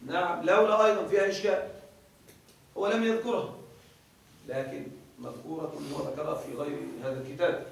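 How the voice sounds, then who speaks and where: A high-voiced man lecturing in a strongly echoing room, with his voice coming from some distance away from the mic. He reads a passage out, explains it, and keeps checking that his listeners are following along. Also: fast talker, gravelly, pauses often, a little hiss or hum. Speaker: grammar teacher. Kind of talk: classroom lecture explaining a grammar text. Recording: very echoey room, voice from far off the mic.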